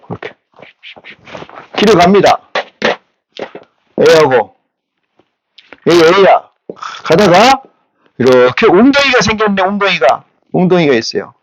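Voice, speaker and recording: A man's voice: high-pitched, rough recording. A male pastor preaching a sermon, firing rhetorical questions at his listeners in blunt, coarse everyday speech. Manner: teaches with rapid rhetorical questions.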